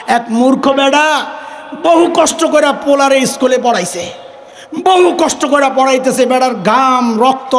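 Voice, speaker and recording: A man with a preaching a sermon, firing questions at the crowd for answers. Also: very high-pitched. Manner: call-and-response with the crowd, shouting questions.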